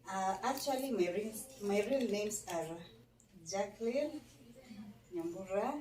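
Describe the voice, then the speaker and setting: A woman hosting her channel and telling her own story in a reflective, softly spoken, casual way. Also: medium pitch, animated, unhurried. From Kenya, Nairobi. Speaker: channel host, interviewee. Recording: echoey room, mic at a distance, faint noise.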